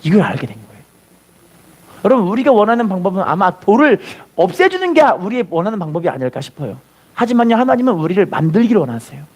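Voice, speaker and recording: A man's voice: high voice, big pitch swings, fast, darkish tone. A man preaching a sermon as pastor, telling a story and acting out its voices, then leading the congregation to repeat after him. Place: church.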